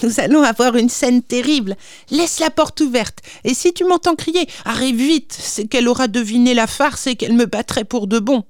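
A woman's voice: on the high side, moderate pace, dry recording, clean studio sound, voice pushed up, close to an everyday voice. A woman reading aloud and voicing a sly young boy with a mock-innocent manner in a storybook. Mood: scheming.

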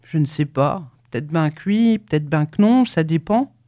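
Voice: medium pitch, animated, normal speed, dark tone, no room sound, studio quality, lightly acted. A reader voicing a sly peasant man who bargains tersely and grudgingly. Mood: bargaining.

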